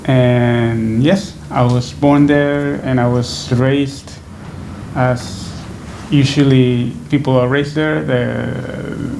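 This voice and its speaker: A Venezuelan man in his twenties answers interview questions extremely slowly, with a medium-pitched, steady, creaky and slightly mellow voice. Thoughtful and hesitant, he uses many fillers and restarts while seated on a sofa in a small indoor room before a stand microphone, with slight background noise.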